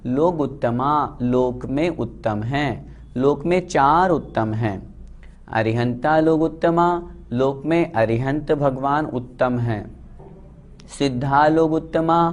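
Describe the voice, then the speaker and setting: A man teaching a religious text, reciting verses and explaining them word by word in a slow, deliberate way. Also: medium pitch. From India. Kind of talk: scripture lesson with recitation.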